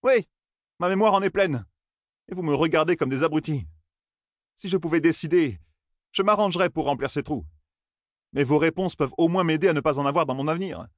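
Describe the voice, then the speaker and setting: A man's voice: on the high side, fairly quick, long pauses, no room sound, voice pushed up, close to an everyday voice. A man voicing a brash, angry young man who curses and demands answers, in a dry, close audiobook reading. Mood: angry demanding. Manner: shouting, exasperated.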